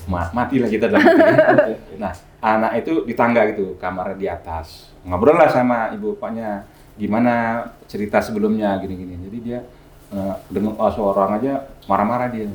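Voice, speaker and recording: A man, a guest healer, telling a story in casual chat, lively and acting out the dialogue he quotes. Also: on the low side, moderate pace. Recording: echoey room with faint music.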